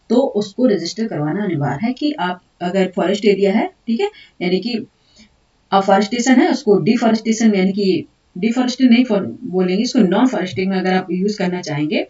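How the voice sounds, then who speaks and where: Woman teacher, mid pitch. Reads notes slowly, explains quickly. Roomy, muffled, distant recording. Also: a little mellow. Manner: reads English notes slowly, then explains quickly in Hindi with frequent "theek hai". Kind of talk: classroom lecture.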